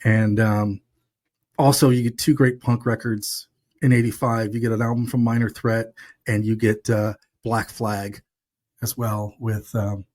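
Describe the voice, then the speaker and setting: A man's voice: lowish voice, a little mellow. A middle-aged man, a radio DJ, chatting casually and enthusiastically about records with lots of fillers. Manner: rambling, enthusiastic, many fillers. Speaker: radio DJ and podcast co-host. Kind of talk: casual chat.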